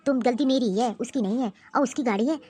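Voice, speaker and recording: Woman doing a calm apologetic elder brother. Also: on the high side, quick pace, slightly rough, no echo. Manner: soothing, apologetic. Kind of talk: cartoon voice acting.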